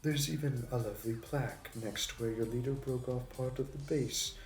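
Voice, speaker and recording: With a darkish, mid-range voice and fairly even intonation, a male voice actor drawls out the taunts of a smug, suave supervillain, amused, mocking, flirty and theatrical. Music plays in the background of this distant-mic audio roleplay with roomy echo.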